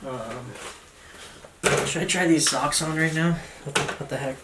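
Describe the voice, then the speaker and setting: A man's voice: on the high side, unhurried. A young man vlogging casually at home, chatty and self-mocking, with jokey asides as he unpacks gear. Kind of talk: casual unboxing vlog. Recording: roomy, distant camera mic, noisy.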